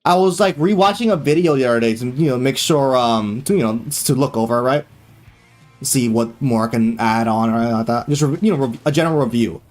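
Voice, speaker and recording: On a live gaming stream, a young man chats casually, excitable and loose, packing his speech with fillers, slang and free swearing. His mid-range voice moves fairly quickly, with faint music in the background.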